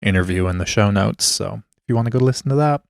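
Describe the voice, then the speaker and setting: A man co-hosts a casual podcast, his voice sitting a little low. He talks in a dry, joking way. The recording is close and dry. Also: fast talker, vocal fry, no room sound. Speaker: podcast co-host. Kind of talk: casual chat.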